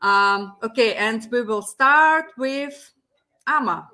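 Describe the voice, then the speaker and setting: A woman's voice: a little high, takes it slowly, sharp tone. A woman co-hosting a live video chat, friendly and slightly hesitant as she introduces guests. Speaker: co-host. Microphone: video call.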